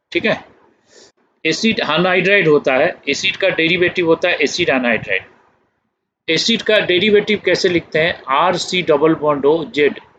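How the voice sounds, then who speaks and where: A man teaching chemistry in a slow classroom lecture, explaining step by step and checking that students follow. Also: fairly high pitch, fairly bright tone. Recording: dull lo-fi recording with faint noise.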